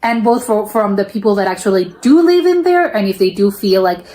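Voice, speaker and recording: A woman's voice: mid-range voice, a little fast, warm tone. Rambling American woman reacting casually. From United States. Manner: rambling and thinking aloud, many fillers and restarts. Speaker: reaction video host.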